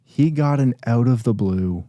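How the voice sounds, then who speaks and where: A man's voice: medium pitch, lively intonation, measured pace, warm tone, dry recording, muffled recording. A man co-hosting a casual podcast with his wife, blunt, plainspoken and self-deprecating. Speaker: podcast co-host.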